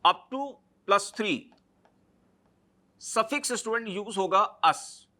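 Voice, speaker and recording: A man's voice: sits high, animated, takes it slowly, bright, forceful tone. A man teaching a chemistry lecture, explaining step by step and checking understanding with short tag questions. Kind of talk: classroom lecture.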